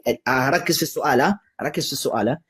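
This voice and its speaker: A man's voice: mid-range voice, very fast, fairly bright tone, husky. A man, a sheikh, debating religion, pressing his opponent with repeated insistent questions and sarcastic jabs. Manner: mocking, sarcastic.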